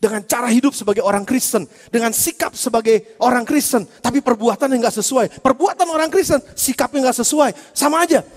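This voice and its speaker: High-voiced preacher in a reverberant church. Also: male voice, fairly quick, few pauses, breathy edge. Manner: animated, swinging between shouting and hushed asides. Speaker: pastor. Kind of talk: sermon.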